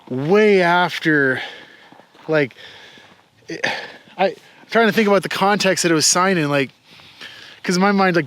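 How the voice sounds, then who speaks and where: A man's voice: fairly high pitch, fairly bright tone. A man interviewing casually, thinking aloud in a tentative way with lots of filler words.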